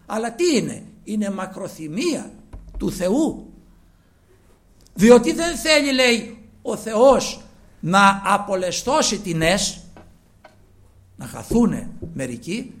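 Impassioned Greek-speaking preacher, lively pitch. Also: male voice, pauses often. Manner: impassioned, swings from loud emphasis to near whispers; addresses listeners as brothers. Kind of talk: sermon.

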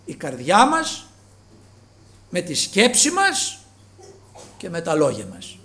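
A man preaching a sermon with fervor, rising to loud calls and dropping low. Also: wildly swooping pitch, slight background noise.

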